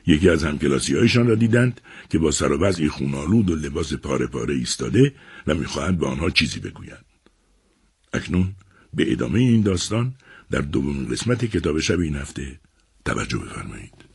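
A man narrating a serialized novel adaptation on a radio book program, with measured, expressive storytelling. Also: a bass voice, vocal fry, husky.

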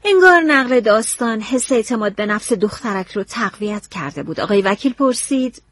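Expressive woman narrating a story. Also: a little high, no echo. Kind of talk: scripted narration of a novel.

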